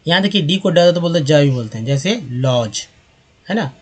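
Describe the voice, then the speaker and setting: A man's voice: a little high, expressive, very fast, darkish tone. A man teaching English reading from slides, patiently repeating and drilling each sound for viewers he calls friends. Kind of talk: slide-based lesson.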